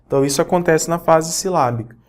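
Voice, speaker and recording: A man's voice: on the high side, fast. A man giving a recorded online lesson, pointing at examples and often checking in with listeners. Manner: explanatory, points at examples on screen; frequent checking tags and self-corrections. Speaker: teacher.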